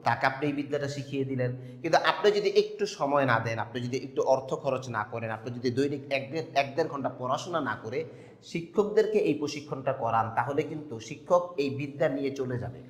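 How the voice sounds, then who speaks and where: A man giving an instructional talk, emphatic, asking rhetorical questions and spelling out sounds step by step. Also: medium pitch. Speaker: teacher. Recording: echoey room with long reverb.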